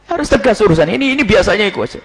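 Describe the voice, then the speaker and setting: A man delivers an animated sermon in a high voice that leaps all over the place. He mocks and mimics people in quick asides. The sound trails off into a long hall reverb. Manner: animated, mocking asides and acted quotes. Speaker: preacher.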